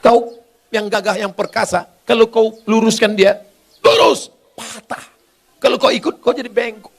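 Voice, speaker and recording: A man's voice: high voice, steady tone, normal speed. A man with a Malay accent giving a humorous sermon in answer to questions, teasing and sing-song, rising to emphatic peaks. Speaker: preacher.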